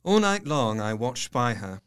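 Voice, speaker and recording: An actor playing an earnest, observant male doctor narrating his diary in an audio drama, articulate and measured. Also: mid-range voice, big pitch swings, fairly bright tone, smooth. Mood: weary, watchful. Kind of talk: scripted first-person narration, audio drama.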